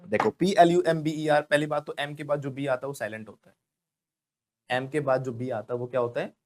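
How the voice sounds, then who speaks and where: In a classroom pronunciation lesson, a man with an Indian accent, a native Hindi speaker, repeats English words again and again and frequently has the class say them back. He speaks a little fast in a mid-range voice with fairly even intonation.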